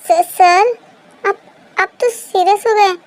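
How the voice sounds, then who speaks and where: A woman plays a young student confessing long-held love in a very high, girlish voice. It is a homemade fan-fiction reading with an earnest tone. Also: fairly even intonation, slow, no room sound. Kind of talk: Hindi fan-fiction read-aloud.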